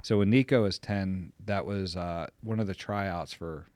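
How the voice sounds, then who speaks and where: A middle-aged man from the Pittsburgh area telling family stories in a casual chat, animated when amused. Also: low voice, measured pace, no echo. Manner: animated anecdote teller, voice jumps up when amused. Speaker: podcast guest.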